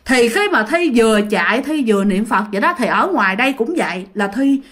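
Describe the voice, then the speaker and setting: A woman's voice: fairly high pitch, expressive, a little fast, fairly bright tone, a little hiss or hum. A woman with a Southern Vietnamese accent telling her own ghost story dramatically, speaking straight to her listeners. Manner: dramatic, emphatic, addresses listeners directly. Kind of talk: first-person ghost story told to listeners.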